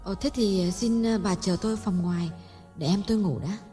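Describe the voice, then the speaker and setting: A woman voicing a young mistress in her twenties who speaks calmly and politely with cold mockery, in an audio story. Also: mid-range voice, normal speed, close to an everyday voice. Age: 20s. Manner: calm, polite, coldly mocking. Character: young mistress, cool and cutting. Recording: long hall reverb, faint music.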